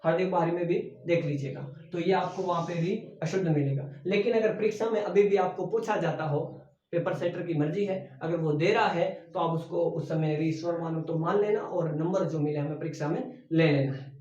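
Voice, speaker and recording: A man's voice: fairly high pitch, a little fast, a little mellow. A man teaching an exam-prep grammar lesson who often asks the class his own questions back and then answers them. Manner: repeats key words as questions to the class. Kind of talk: classroom lecture for exam preparation. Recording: echoey room, voice from a distance, dull sound.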